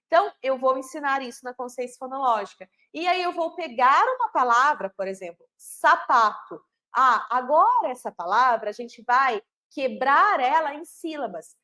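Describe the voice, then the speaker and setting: A woman with a high voice and a Brazilian Portuguese accent teaches literacy in an online class. She explains patiently, often posing a question and answering it herself. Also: expressive, normal speed, pushed and bright.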